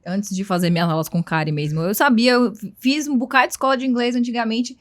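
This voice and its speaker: A woman co-hosting a podcast, chatting quickly and joking at her own expense. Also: on the high side. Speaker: influencer and podcast co-host. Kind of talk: casual podcast chat.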